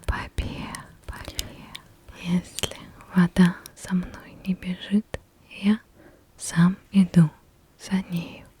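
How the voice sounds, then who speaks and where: A woman whispering ASMR affirmations in a soft, breathy, barely audible voice, repeating phrases as they fade away. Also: lowish voice. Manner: very slow, repeats phrases in fading echoes. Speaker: ASMR creator.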